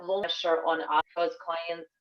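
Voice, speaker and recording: A woman who works at a women's centre answers interview questions over a call whose buzzy, glitchy audio keeps cutting out. She speaks hesitantly and fills her pauses with um and uh. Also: lowish voice, little pitch movement. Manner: hesitant, many fillers. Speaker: women's centre staff member. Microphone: video or phone call. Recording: dull lo-fi call line.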